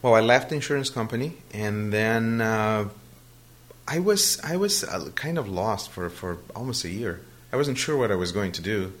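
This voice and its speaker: This Brazilian man, a native speaker of Portuguese, talks at a normal speed in a lowish, animated voice with a fairly bright quality. Answering interview questions, he hesitates, uses plenty of fillers and frequently restarts what he's saying.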